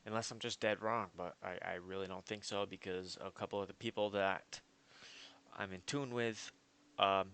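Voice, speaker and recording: A man's voice: sits low, fairly bright tone, clean tone. A man walking through his trading chart analysis in a casual, confident and rambling way, with lots of fillers. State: hiccups. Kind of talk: casual screen-share market analysis.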